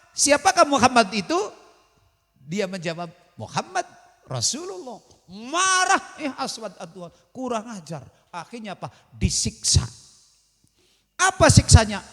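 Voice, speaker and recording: Lively high-voiced preacher in a reverberant hall. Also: male voice. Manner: storytelling preacher asking the audience questions and answering himself. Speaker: kyai teaching a religious study session. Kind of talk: Islamic study sermon on radio. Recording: radio broadcast with long hall reverb.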